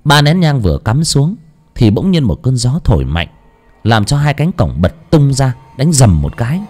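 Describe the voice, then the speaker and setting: A man narrating an audio ghost story in a dramatic, lively telling. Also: medium pitch, normal speed.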